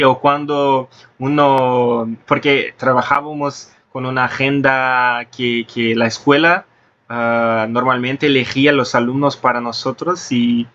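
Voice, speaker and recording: A man's voice: mid-range voice, a bit bright, highs cut off. A man hosting a casual conversation, hesitant, searching for words with many restarts. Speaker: host.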